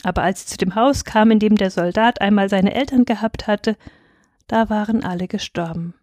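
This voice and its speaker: Lady reading a folk tale aloud, clear and measured, dry sound no room. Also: mid-range voice, darkish tone, no echo. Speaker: reader. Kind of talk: storybook reading.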